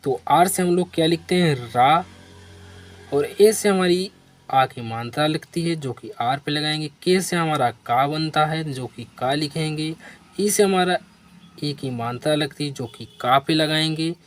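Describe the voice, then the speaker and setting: Slightly slow and pitched on the high side, a man leads beginners through a slow spelling lesson, spelling letters one by one, asking the learner questions and having the viewer repeat.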